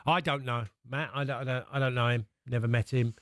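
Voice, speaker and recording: Male pundit, medium pitch, dry sound, halting reflective conversation. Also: fairly even intonation, fairly bright tone, dry recording.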